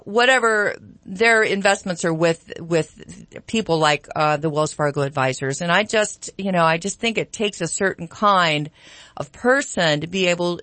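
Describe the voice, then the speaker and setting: A woman's voice: on the low side, a bit bright, no room sound. A woman radio co-host talking casually and reflectively in a rambling, ad-libbed way on a studio microphone. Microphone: studio broadcast microphone.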